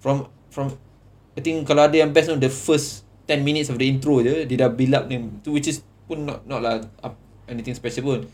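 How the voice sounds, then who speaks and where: A fast-talking man with a Malaysian accent and a mid-range voice hosts a casual film chat. He slips freely between Malay and English, dropping in 'lah' as he goes. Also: mid-range voice, fairly even intonation, darkish tone. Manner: colloquial code-switching with 'lah' particles. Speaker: discussion host.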